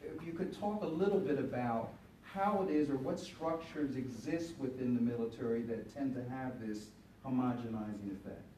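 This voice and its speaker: A man's voice: mid-range voice, moderate pace, few pauses, dark tone, slight background noise. A man moderating a panel who asks questions hesitantly, with many fillers. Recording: echoey room from a distance.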